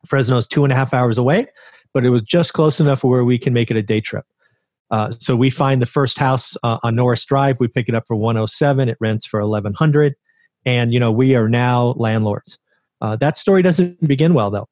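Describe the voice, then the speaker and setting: Speaking fairly quickly in a darkish, mid-range voice, a man in his forties who invests in real estate recounts his story as an interview show guest. He frequently drops in a rhetorical "right?". The sound is clean studio audio with no echo.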